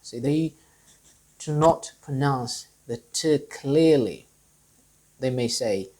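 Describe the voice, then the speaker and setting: Guy teaching english sounds, kinda husky, repeats the words slow. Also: mid-range voice, darkish tone, rough recording. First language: Amharic. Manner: explains slowly and repeats example words. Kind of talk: explanatory lesson.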